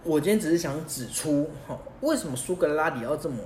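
Talking fast in a higher voice, this animated podcast host delivers a casual explanatory monologue full of rhetorical questions, laughing at his own remarks. There's a roomy echo and a faint hiss in the background.

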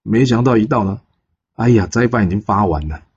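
Deep, husky male storyteller. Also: lively intonation, fairly quick, a little mellow, lo-fi sound. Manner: chatty, asks the listener questions, fillers 呢. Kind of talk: casual storytelling of a folk legend.

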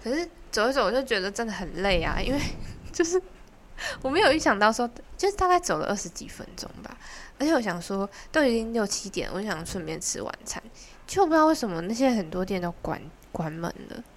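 A young woman with a Taiwanese Mandarin accent, hosting a podcast and telling a story in an animated, chatty, giggly way. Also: a little high, brisk, a little hiss or hum. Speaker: podcast host. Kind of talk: casual storytelling chat.

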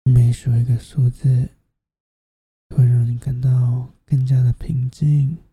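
Sleep story narrator, slow half-whispered guided meditation, very mellow, soothing, close dry sound. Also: mid-range voice, flat delivery, slightly rough, no room sound.

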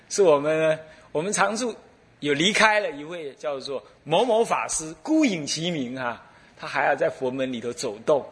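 Middle-aged taiwanese monk telling stories in a sermon, high voice swinging all over, laughs a lot. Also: male voice. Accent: Taiwanese Mandarin. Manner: animated storyteller who laughs and acts out dialogue. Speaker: Buddhist abbot. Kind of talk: dharma talk with storytelling.

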